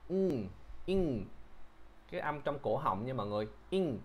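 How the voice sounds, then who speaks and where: A man teaching English pronunciation, who repeats each word slowly and patiently explains how to shape the mouth. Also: medium pitch, very animated. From Vietnam. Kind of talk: pronunciation lesson.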